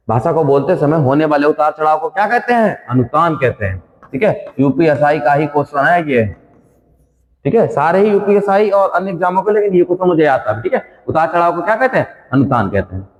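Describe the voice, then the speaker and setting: A male coaching teacher running a quiz-style exam revision lesson, reading each question and its options aloud, repeating them, then giving the answer. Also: on the high side. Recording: dull sound with long reverb.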